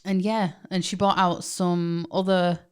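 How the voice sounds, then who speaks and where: A young adult woman from England with a Manchester accent co-hosts a podcast, chatting casually and animatedly and laughing often. Her voice is fairly low, clear, and resonant, and she speaks unhurriedly.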